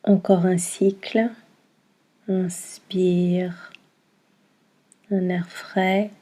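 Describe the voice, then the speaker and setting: Leading a guided meditation, a woman who teaches yoga nidra speaks with a lowish, mellow tone carrying a slight huskiness and little melody. She offers brief, calming directions and lets long, peaceful silences follow each one.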